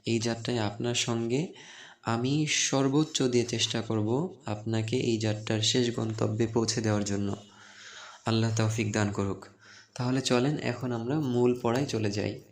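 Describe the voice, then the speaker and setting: Man, language teacher, patient, encouraging, repeats words for students, mid-pitched voice. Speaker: Arabic teacher. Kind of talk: online language lesson.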